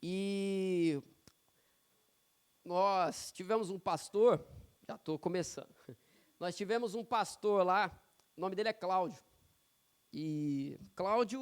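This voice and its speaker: A man preaching to his congregation, with a notably high voice. He talks informally and keeps checking in with the room through quick tag questions. His tone is smooth and resonant as he tells personal stories from the pulpit. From São Paulo, Brazil. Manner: conversational, personal storytelling with frequent tag questions. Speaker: pastor. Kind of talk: sermon. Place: church sanctuary.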